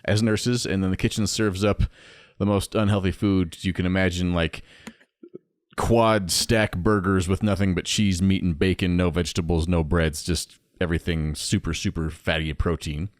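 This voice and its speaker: Male podcast co-host, 30s, low voice, wry chatty delivery, dry recording. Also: flat delivery, moderate pace, no room sound. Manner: chatty, wry, reads from a list. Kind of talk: casual podcast chat.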